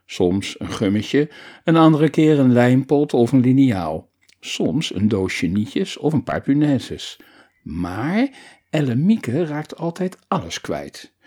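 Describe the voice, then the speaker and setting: A man reading a children's story aloud in an expressive storyteller's manner. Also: medium pitch, slightly rough.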